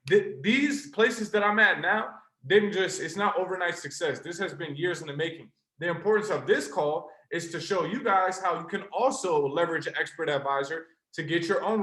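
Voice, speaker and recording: Young guy hyping up a live call, earnest and passionate, kinda high bright voice, echoey room. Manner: earnest, passionate, talks straight to the audience. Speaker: trading mentor presenting to a live call. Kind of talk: motivational sales pitch on a webinar. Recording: roomy echo.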